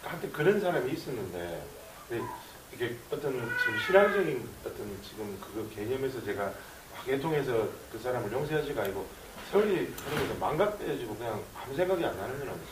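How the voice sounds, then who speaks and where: A man from the congregation asking a hesitant, halting question in church. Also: mid-range voice, big pitch swings. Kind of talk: question from the floor. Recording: distant, roomy, noisy recording.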